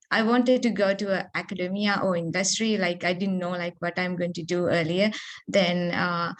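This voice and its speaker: A woman's voice: medium pitch, a bit bright. Hesitant woman from Sri Lanka on a video call. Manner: hesitant, many fillers and restarts. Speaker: guest speaker, postdoctoral researcher. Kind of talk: seminar interview over video call.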